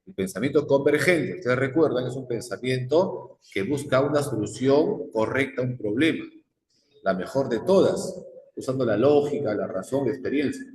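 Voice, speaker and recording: A man gives a psychology lecture, firing repeated questions at the class. His mid-pitched voice rings through a large room, and a long reverb trails each phrase. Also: moderate pace, a little mellow. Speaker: psychology teacher.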